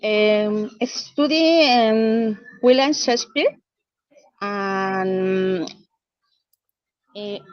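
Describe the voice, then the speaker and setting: A woman student answering in halting English, pausing often with fillers as she searches for words. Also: medium pitch, no room sound, dull audio.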